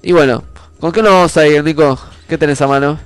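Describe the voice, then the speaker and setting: Hosting his community radio program, a man with an Argentine accent talks fairly quickly in a fairly high, clean voice, with no room sound. He is congested from a cold, so he sounds nasal, and he speaks earnestly and conversationally as music plays under him.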